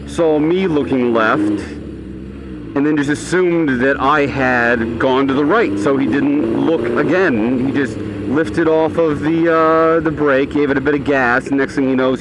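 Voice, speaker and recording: Guy motovlogging from inside his helmet, normal pitched voice, chatty rambling, lots of bike and road noise. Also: rough recording. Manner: talking from inside a helmet while riding. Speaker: motorcycle vlogger. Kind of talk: casual rambling vlog talk. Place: outdoors on a motorcycle in traffic.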